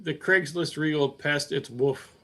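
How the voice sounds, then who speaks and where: In a slightly high, steady, somewhat bright voice, a middle-aged man talks a little slowly on his relaxed live stream about car work. His delivery rambles with many fillers and self-mocking asides, and he reads viewer comments out.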